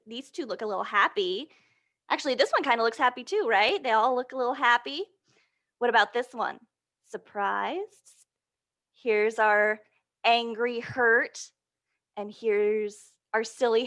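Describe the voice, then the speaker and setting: A woman hosts an interactive picture-book storytime for little kids, her voice pitched on the high side. She sounds animated and encouraging, frequently asking questions and then answering them out loud.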